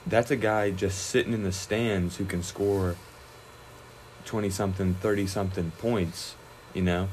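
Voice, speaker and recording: A young man, a high school wrestler, chatting casually in an interview, relaxed and rambling with many fillers and restarts. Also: measured pace, slight background noise, rough recording.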